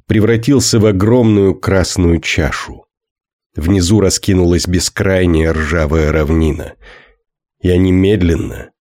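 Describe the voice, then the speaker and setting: A man narrating a science fiction audiobook in a steady, measured way. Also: sits low, no room sound, studio quality.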